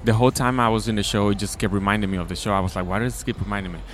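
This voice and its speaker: A man's voice: lowish voice, fairly even intonation, racing, slight background noise. A man in his twenties from the Dominican Republic, a guest DJ chatting casually at an outdoor festival with lots of likes and ums. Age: 20s. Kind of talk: casual interview. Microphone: handheld mic.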